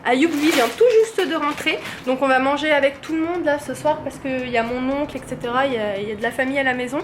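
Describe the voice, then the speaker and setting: A high-voiced woman chats casually to her vlog viewers. She explains things informally and hesitates often, with faint noise in the background. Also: fast. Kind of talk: casual vlog chat to camera.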